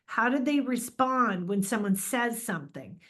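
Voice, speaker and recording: A middle-aged woman, an author, giving a lively, emphatic writing lecture in a conversational way. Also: a little high, measured pace.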